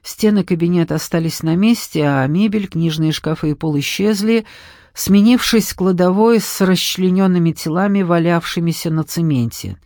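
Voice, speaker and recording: An audiobook narrator reads a novel aloud as scripted narration, in an even, measured voice of middle pitch. The recording is close and dry, with no room sound and no echo.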